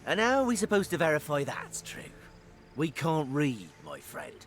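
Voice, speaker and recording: Easygoing guard with animated pitch. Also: male voice, normal speed. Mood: wry, skeptical. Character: easygoing, wry, tippling male guard. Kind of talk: fantasy video game voice acting. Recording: loud music under the voice.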